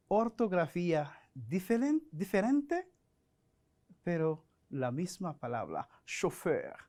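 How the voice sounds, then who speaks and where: A man with a Dominican accent teaches a French lesson for a broadcast class. He talks very slowly and carefully, spelling out how each word should sound. His pitch rises and falls in a lively way. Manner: slow, deliberate, models pronunciation.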